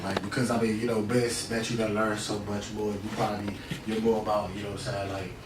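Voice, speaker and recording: A man's voice: lowish voice, level tone. A man in his twenties co-hosting a casual chat, talking loosely with many fillers. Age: 20s. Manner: fast, loose, filler-heavy talk. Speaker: co-host. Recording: roomy, distant mic, noisy.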